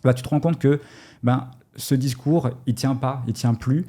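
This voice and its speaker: A man from France with a very dark, mellow voice at an everyday pitch. He speaks as an interview guest, thinking out loud with frequent fillers and restarts. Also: normal speed. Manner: hesitant, many fillers and restarts. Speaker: guest entrepreneur. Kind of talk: casual interview talk.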